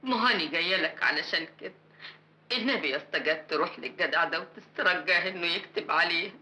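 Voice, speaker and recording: A worried woman with an Egyptian accent who pleads with her neighbor and showers him with blessings. Her speech is quick and her tone very bright. It plays as classic Egyptian cinema. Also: poor audio. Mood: pleading. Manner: pleading, blessing, low earnest tone. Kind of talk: classic Egyptian film acting.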